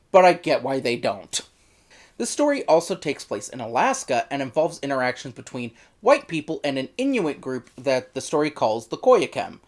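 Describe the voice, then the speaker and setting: Low-voiced woman giving a lively review. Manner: chatty, self-correcting, animated emphasis. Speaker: audio drama reviewer. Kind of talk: scripted review monologue.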